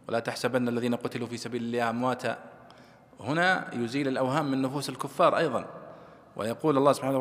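Guy teaching fast, drawing out verses, big hall echo. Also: medium pitch. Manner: measured, stretches quoted verses slowly and loudly. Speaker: Islamic scholar teaching tafsir. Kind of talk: explaining a classical text to students. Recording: long reverb of a hall.

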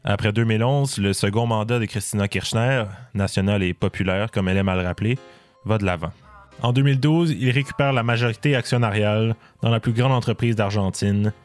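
A man delivering scripted documentary narration in a measured, explanatory way. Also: lowish voice. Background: faint music.

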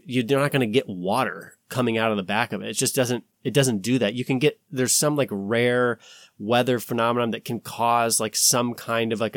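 A man's voice: mid-range voice, dry recording, studio quality. A man talking casually as a podcast host, rambling and swearing, with an insistent, conspiratorial warning tone as he acts out imagined exchanges.

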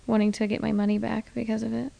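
A woman's voice: on the high side, flat delivery, fast, vocal fry, no echo, dull audio. A woman co-hosting a podcast, chatting casually about movies with hedging fillers and easy laughter. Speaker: podcast co-host.

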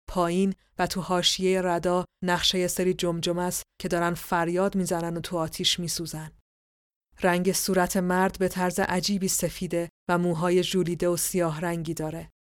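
Lower-voiced woman narrating a dark tale. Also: no room sound, studio quality. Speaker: podcast storyteller. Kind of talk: scripted story narration.

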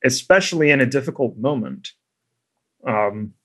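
A man's voice: mid-range voice, animated, moderate pace, a bit bright. A man hosting a podcast, reflective, asking probing questions and giving coaching advice. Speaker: podcast host, chess coach. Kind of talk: casual conversation.

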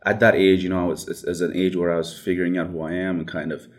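A man's voice: low voice, little pitch movement, quick pace. A young man from Ethiopia whose first language is Amharic, talking through his story in a casual interview, hesitant with frequent restarts. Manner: hesitant, many restarts and fillers. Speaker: guest.

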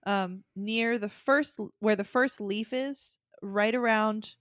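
A woman's voice: medium pitch, takes it slowly, fairly bright tone, smooth, dry recording, clean studio sound. A woman co-hosting a casual chat, explaining things in a chatty way and laughing easily. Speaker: podcast co-host.

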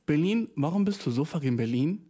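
Young man with a mellow, slangy delivery. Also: on the high side, lively intonation, brisk, breathy edge. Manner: rambling, profane, slangy, mixes in English words. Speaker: podcast host. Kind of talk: casual podcast monologue.

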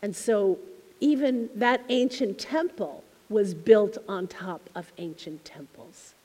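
A woman minister telling a congregation a heartfelt story in a reflective way, her phrases often trailing off softly. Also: mid-range voice, slow, husky, big-room sound. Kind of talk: spiritual talk to a congregation. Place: temple hall.

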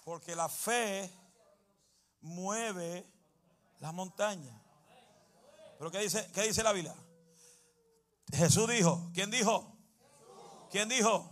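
A man preaching a fiery sermon as pastor, shouting and speaking in tongues. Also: high-pitched, takes it slowly, pauses often.

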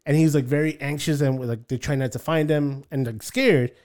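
Eager man with a slightly high voice. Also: normal speed, darkish tone. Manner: eager, storytelling, trailing off with fillers. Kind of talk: casual chat.

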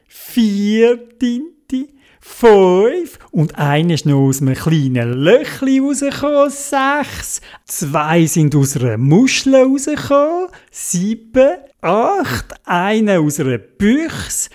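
A storyteller with a Swiss German accent, reading a children's story aloud. The pace is unhurried, and the melody rises and falls a lot. The tone is dark and mellow. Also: medium pitch. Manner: slow, sing-song storytelling.

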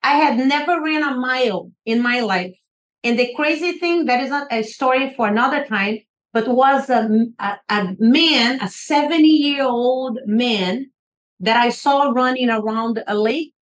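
A woman's voice: high-pitched, measured pace. A middle-aged woman from Brazil with a Brazilian Portuguese accent, speaking earnestly as an author guest on a podcast interview.

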